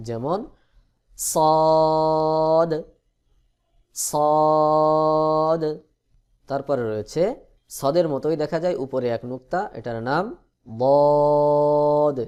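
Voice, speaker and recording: A man's voice: mid-range voice, a little mellow. Patient male Quran teacher drilling letters. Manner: slow, patient explanation with drawn-out letter drills. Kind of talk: recorded lesson on letter pronunciation.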